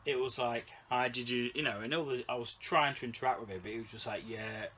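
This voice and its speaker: Bright-voiced man chatting casually. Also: mid-range voice, quick pace. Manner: chatty, rambling. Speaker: co-host of a movie vlog. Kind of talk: casual chat.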